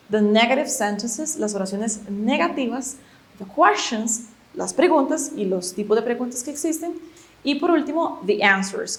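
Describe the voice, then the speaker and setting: A woman whose first language is Spanish, teaching English grammar in a video lesson. She explains step by step, patiently, and keeps checking with a quick "ok?". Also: fairly high pitch.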